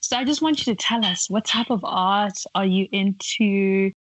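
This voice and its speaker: A woman's voice: medium pitch, moderate pace, dry recording, poor audio. A woman hosting a podcast interview, upbeat and encouraging with her guest. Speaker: podcast host.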